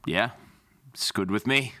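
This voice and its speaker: A man's voice: on the low side, unhurried, bright, forceful tone. A man playing a nervous, rambling male job applicant in a comedy sketch at a villain empire's hiring office. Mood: hesitant. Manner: rambling, hesitant and joking.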